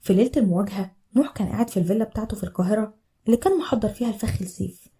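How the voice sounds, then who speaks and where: A woman with an Egyptian accent narrates a scripted story at a racing clip. Her tone is dark and mellow, and her delivery stays even throughout. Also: mid-range voice, racing. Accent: Egyptian Arabic.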